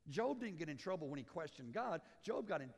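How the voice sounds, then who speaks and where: A man from Liberia preaching a sermon as pastor, swinging from loud urgency down to hushed, low lines. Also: sing-song, a little fast, vocal fry, breathy edge. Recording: long hall reverb.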